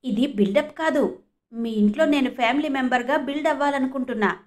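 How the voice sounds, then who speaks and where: Woman reading earnest young man, pleading, insistent, highish voice, audio storybook. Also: fairly quick, darkish tone, lightly acted. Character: earnest young man openly declaring love.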